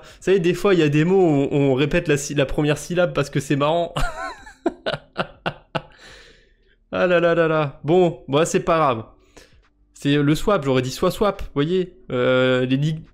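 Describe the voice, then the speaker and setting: A man with a French accent streaming live, casually commenting on crypto quests, joking and mocking himself as he thinks aloud. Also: fairly high pitch.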